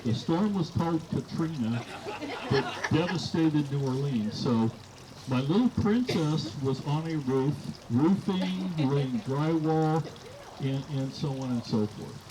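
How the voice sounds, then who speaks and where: A man's voice: a little high, animated, slow. A middle-aged man giving an informal wedding toast as father of the bride, telling stories in a folksy way. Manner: folksy storytelling, acting out quoted dialogue. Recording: live event with clear background noise.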